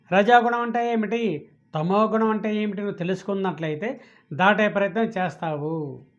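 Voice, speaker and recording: A man giving a spiritual discourse, asking questions and answering them himself. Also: high-pitched. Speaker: spiritual teacher. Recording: dull lo-fi audio.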